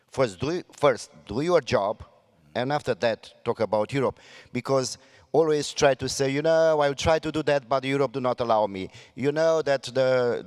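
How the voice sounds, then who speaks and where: On a conference panel, a mayor with a Romanian accent offers earnest remarks in halting English, often pausing to find words, with many fillers and restarts. His voice is at an ordinary middle pitch, and a long hall reverb trails behind it.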